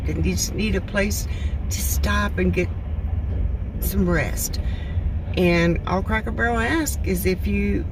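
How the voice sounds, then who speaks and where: Lady doing a casual rv road trip vlog, takes her time talking, clear background vehicle noise. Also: medium pitch. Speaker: RV travel vlogger. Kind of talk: casual travel vlog narration. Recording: distant mic, clear vehicle and wind noise.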